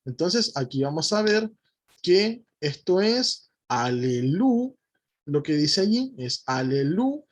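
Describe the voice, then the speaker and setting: A man's voice: fairly high pitch, very animated, slow. A man teaching a Bible lesson to his congregation, methodically spelling out letters and often checking in with his listeners.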